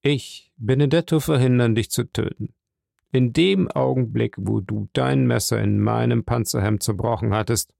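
A man voicing a stern, solemn nobleman who speaks slowly and gravely. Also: medium pitch, a little mellow, dry recording, studio quality. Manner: slow, grave, measured.

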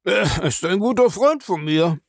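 A man voicing a smooth-talking, evasive male bar owner in an audiobook, lifting his voice higher and giving it a changed tone. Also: very animated, normal speed, darkish tone, dry recording, clean studio sound.

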